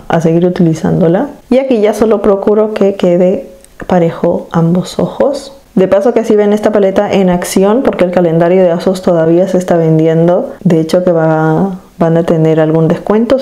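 A woman's voice: on the low side, warm tone. A woman vlogging from home, casually talking viewers through applying eyeshadow and pointing out what she is doing step by step. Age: adult. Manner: chatty, demonstrative, addresses viewers directly. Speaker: beauty vlogger. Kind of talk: casual makeup tutorial.

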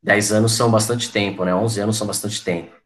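Guy in his 40s teaching an online class, lowish voice, rambles through old memories and keeps asking students stuff. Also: steady tone, quick pace. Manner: chatty, reminiscing, addresses students by name.

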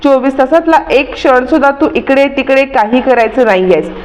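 A woman's voice: high-pitched, normal speed, darkish tone, pitched above the performer's own voice, natural voice. A woman voicing a doting middle-aged mother who gives mock-stern warnings in a soap recap. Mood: teasing stern.

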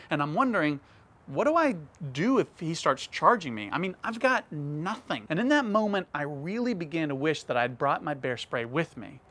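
A man's voice: a little high, fairly bright tone. A man, an outdoors vlogger, telling a hiking story and talking straight to his viewers in a casual way. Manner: conversational, addresses viewers directly.

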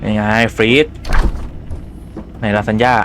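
A man's voice: takes it slowly, a bit bright. A Thai-accented man with a slight cold and a phlegmy throat chats through a horror game. He talks casually, swears freely and reads the game's lines aloud in his own voice. Faint game music plays underneath. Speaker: gaming YouTuber. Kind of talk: casual let's-play commentary.

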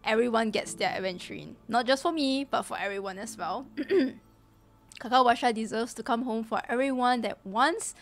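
Music runs behind a twenty-something streamer as she talks casually to her gaming audience through a desk mic in a small room. Her voice is a little high and slightly hoarse, her pace moderate, and she greets viewers with many fillers.

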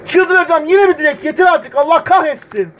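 A man streaming a football video game, groaning at misses and shouting players' names when they near the goal. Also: very high voice, brisk, a little hiss or hum. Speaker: gaming channel host. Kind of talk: excited gameplay commentary. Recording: game music loud behind voice. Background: game music.

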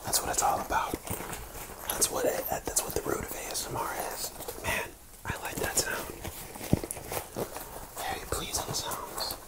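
A young man doing a fast whispering ASMR whispered role-play as a casual, encouraging friend. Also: rough recording. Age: young adult. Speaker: ASMR creator. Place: small bedroom, indoors.

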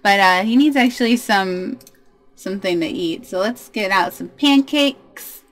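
A woman's voice: medium pitch, animated, a little slow. A young woman hosting a life-sim let's play, chatting casually and talking to her game characters in a bubbly way. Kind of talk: casual gameplay commentary.

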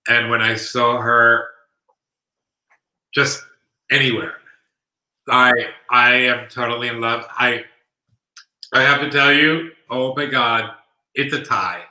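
A man's voice: medium pitch, little pitch movement, slow, long pauses, bright, forceful tone. A man guest in a casual chat, gushing and enthusiastic, on a video call. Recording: echoey room.

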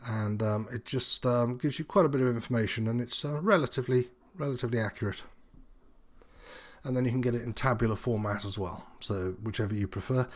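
Speaking a little fast in a mid-range voice, this man presents a sailing tutorial off the cuff. His explanations are casual, somewhat halting, and prone to meandering.

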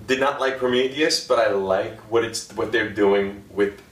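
A man's voice: fairly low pitch, moderate pace. A man on a casual comics podcast panel who rants emphatically and swears a lot. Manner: emphatic, profane ranter. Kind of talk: casual roundtable chat. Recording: echoey room, distant mic, faint noise.

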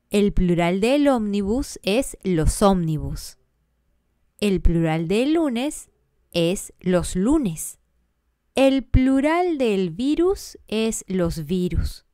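Slow, clear-voiced woman teaching grammar. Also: medium pitch, dark tone, no room sound, clean studio sound. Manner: deliberate, spells out letters and lists examples one by one. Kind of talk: slow scripted grammar lesson.

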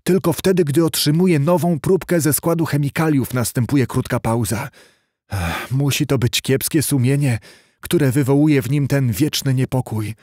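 A man voicing a fearful, anxious old male butler who speaks in an uneasy, hushed way. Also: medium pitch, moderate pace, no room sound, clean studio sound, voice pushed up, natural voice.

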